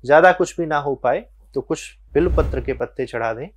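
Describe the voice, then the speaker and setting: A man's voice: on the high side, a little fast, slight background noise. A man working as a spiritual teacher, patiently explaining worship rules in an interview and weaving in devotional stories.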